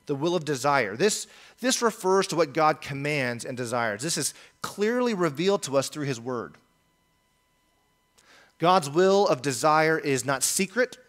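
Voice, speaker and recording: A male pastor preaching a sermon in an earnest, emphatic way, often repeating key phrases. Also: a little high.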